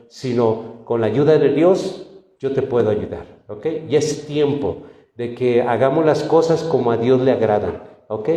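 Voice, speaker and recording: A male pastor, preaching a sermon in a conversational, animated way, full of rhetorical questions. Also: medium pitch. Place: church hall. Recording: echoey hall with long reverb.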